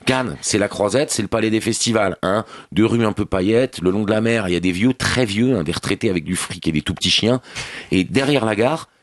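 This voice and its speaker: Brief: male radio TV critic, scathing and slangy, low voice, dry studio sound. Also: brisk, dry recording. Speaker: TV critic columnist on a radio morning show. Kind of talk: sarcastic radio review.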